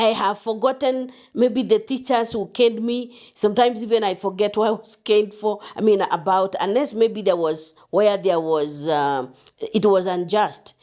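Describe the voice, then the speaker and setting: Woman counselor talking earnest and reflective, mid pitch, tells stories, quotes bible verses. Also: a little mellow. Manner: earnest, anecdotal, quotes scripture. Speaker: counselor and speaker. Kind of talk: reflective talk on domestic abuse.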